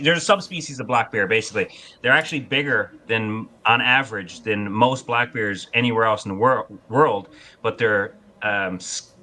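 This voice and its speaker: A man's voice: medium pitch, pushed and bright. A man telling casual, folksy outdoor stories in a blunt, rambling anecdotal way. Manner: folksy hunting-yarn telling.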